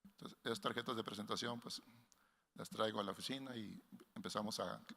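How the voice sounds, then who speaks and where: A man giving a workshop lecture to researchers in a measured way, often restarting phrases and linking ideas with "entonces". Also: lowish voice, gravelly, pushed and bright. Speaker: workshop instructor. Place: conference hall. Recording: long hall reverb.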